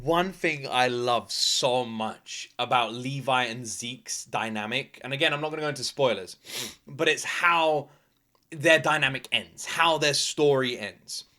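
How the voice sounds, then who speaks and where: A man giving casual, excited reaction commentary, gushing and exclamatory and swearing freely. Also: medium pitch, measured pace. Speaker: reaction video host.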